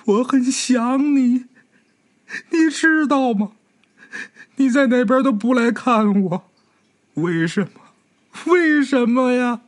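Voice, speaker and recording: A man's voice: very high voice, normal speed, voice pushed up. A man voicing a grieving, reckless young female student, in a pleading, crying manner within a told ghost story. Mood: tearful pleading. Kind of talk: storytelling with voiced characters.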